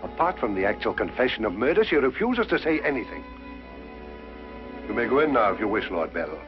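Inspector Lestrade, lowish animated English policeman. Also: fairly quick. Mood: formal, grave. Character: official, dutiful male police inspector. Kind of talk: 1950s television mystery drama acting. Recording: dull 1950s soundtrack with music.

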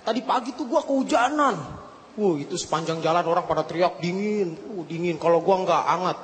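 On a TV studio stage before a live audience, a man performs stand-up packed with slangy, self-mocking punchlines. His voice is high-pitched, brisk and fairly bright, heard in a TV broadcast with crowd noise.

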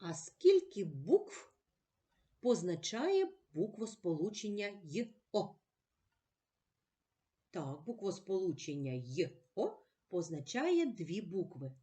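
Woman teacher for a children's reading lesson, slow and lilting, each word spelled out clearly. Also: fairly low pitch, very animated, mellow.

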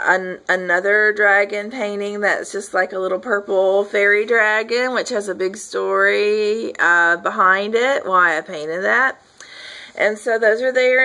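A woman's voice: mid-range voice, creaky, pushed and bright, rough recording. A woman in her forties giving a casual, rambling video update from her living room, talking into a webcam with plenty of fillers. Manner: chatty, rambling, frequent fillers and affirming yeahs. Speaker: folk artist and healer. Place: living room at home, indoors. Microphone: webcam at desk distance.

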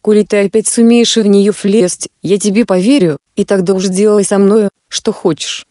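A woman storyteller puts on a cheeky young peasant who stays unafraid and quick with a retort. The tone is warm and soft. The recording is dry. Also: mid-range voice, steady tone, no echo, lightly acted. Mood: bold. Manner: fearless and mocking.

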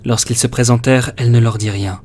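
A man narrating a horror audiobook with measured, expressive storytelling. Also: mid-range voice, soft background music. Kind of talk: dramatic audiobook reading.

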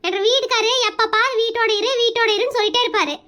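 A woman voicing a bossy, sharp-tongued middle-aged village housewife in a cartoon comedy, speaking with a brusque, scolding manner. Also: very high voice, steady tone, fast. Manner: brusque, scolding, matter-of-fact.

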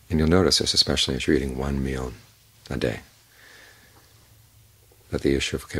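An older Buddhist monk gives an evening Dhamma talk, calm and measured, leaving unhurried pauses. His husky voice sits extremely low, and the recording is dry.

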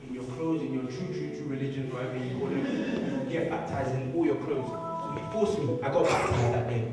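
A man's voice: medium pitch, steady tone, a little fast, recorded from a distance, loud music behind the voice. A young man with a handheld microphone giving a testimony sermon to a congregation, often breaking off with "hallelujah" and "amen.". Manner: punctuates sentences with "hallelujah" and "amen". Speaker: church speaker giving testimony. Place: large church hall indoors. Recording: echoey hall recorded from afar.

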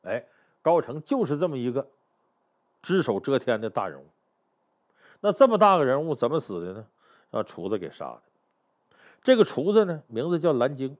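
Brief: a man spinning a history tale, lively pitch, slightly high voice, keeps asking the audience questions. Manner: chatty, animated, rhetorical questions to the listener. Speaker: history storyteller. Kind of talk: storytelling history talk.

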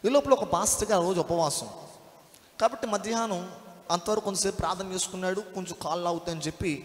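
A man preaching a sermon, storytelling and firing rhetorical questions at the congregation. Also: high-pitched. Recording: echoey hall.

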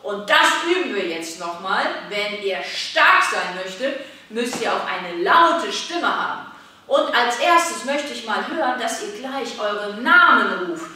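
A woman teaching a martial arts workout to young children, asking them questions and answering them herself, with loud shouted demonstration calls. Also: on the high side, animated, unhurried, very echoey, distant mic. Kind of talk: kids' workout lesson.

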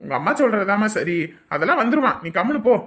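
A man's voice: high voice, sing-song, quick pace, a bit bright. A man playing an earnest devoted husband. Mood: reassuring. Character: devoted adult husband and father.

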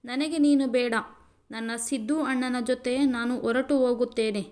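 A woman's voice: a little high, fairly even intonation, normal speed, darkish tone, close to an everyday voice. A woman voicing a sulky childish young bride. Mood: hurt sulking. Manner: pouting, tearful, whiny.

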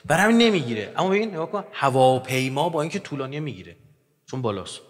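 A man giving a religious lecture in an animated, joking manner, his voice rising loud and dropping quiet. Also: on the high side. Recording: long hall reverb.

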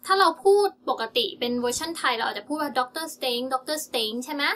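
Bright high-voiced woman teaching. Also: lively intonation. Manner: drills words slowly and repeats them with stress. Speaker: English pronunciation teacher. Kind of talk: casual lesson.

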